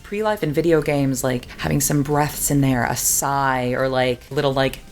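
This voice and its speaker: A woman's voice: a bass voice, normal speed, darkish tone, slight background noise. A woman voice actor in a convention interview, talking loosely about her craft. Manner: casual, loose, many fillers.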